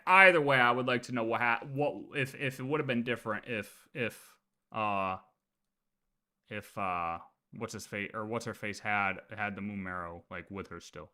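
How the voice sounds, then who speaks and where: This game streamer has a lowish, pushed, bright voice at a moderate pace as he reacts and chats casually. He argues his case insistently, says the same things repeatedly, and swears.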